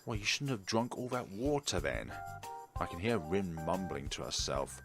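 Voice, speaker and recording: With a deep voice and very animated delivery at a moderate pace, a man hosts a gaming video playthrough. He reads out the story text, performs the characters' lines, and throws in commentary, all over loud game music.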